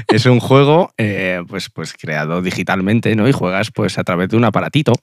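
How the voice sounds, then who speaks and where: A man co-hosting a podcast, wry and quick to joke. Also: fairly low pitch, lively intonation, dry recording, studio quality. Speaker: podcast co-host. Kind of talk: casual chat.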